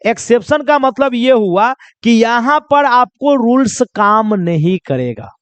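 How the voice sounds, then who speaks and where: A man's voice: extremely high pitch, lively intonation, measured pace, fairly bright tone, smooth, no echo. A man teaching pronunciation rules in a classroom-style lesson, constantly quizzing his listeners with repeated questions and calling them children. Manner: drills with repeated quiz questions; addresses viewers as children.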